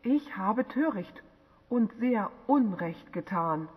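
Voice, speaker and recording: Woman reading as a sorry old king, soft and contrite, husky, echoey lo-fi. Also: mid-range voice, expressive, slow pace. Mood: remorseful. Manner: contrite, soft read-aloud dialogue. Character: remorseful older male king. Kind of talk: audiobook dialogue reading. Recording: dull lo-fi with long reverb.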